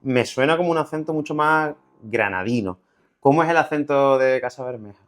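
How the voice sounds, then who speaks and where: A man's voice: medium pitch, a little fast. A man from Málaga with an Andalusian Spanish accent, asking questions conversationally as an interviewer. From Málaga, Spain.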